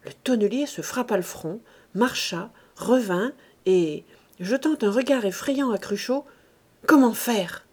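A woman narrating a classic novel in a measured, expressive audiobook reading. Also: mid-range voice.

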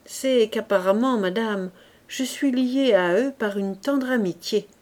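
A woman reading the lines of a witty court duchess in a calm, ironic way. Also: fairly high pitch, measured pace, lightly acted.

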